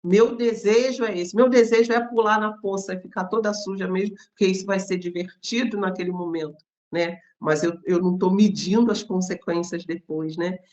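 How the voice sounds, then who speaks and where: A woman with a Brazilian Portuguese accent leads a relaxed devotional Bible talk in a mid-pitched voice. She sounds conversational and speaks straight to her listeners. She explains her points through everyday examples. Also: normal speed, few pauses. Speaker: Bible teacher.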